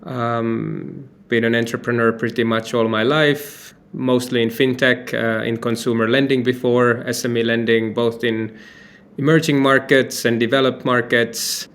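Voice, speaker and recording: A man's voice: mid-range voice, flat delivery, measured pace, a bit bright. A man from Finland, a company founder giving loose, talkative answers in an interview, with many fillers and restarts. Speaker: company founder and CEO, guest.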